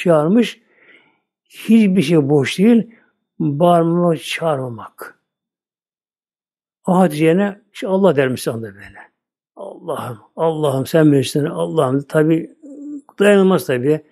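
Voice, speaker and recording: Older male preacher, slightly high, mellow voice, rambling informal sermon, repeats a filler word, unhurried. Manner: rambling, repeats "böyle" constantly. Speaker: religious teacher. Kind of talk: informal religious talk.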